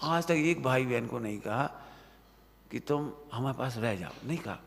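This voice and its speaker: At night, in a Jain study centre hall full of long reverb, a Jain preacher sternly lectures students in Hindi on religion, scolding them and repeatedly asking if they follow. He speaks at a normal speed in an animated, medium-pitched voice with vocal fry, over slight background noise.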